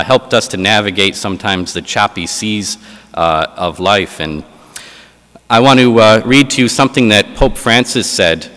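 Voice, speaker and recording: A man speaking as a priest in church, reading and preaching in a measured, solemn, deliberate way, with a cathedral-like echo. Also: on the low side, a bit bright. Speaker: priest giving gospel reading and homily. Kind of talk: liturgical reading and sermon. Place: large reverberant church. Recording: cathedral-like echo, long hall reverb.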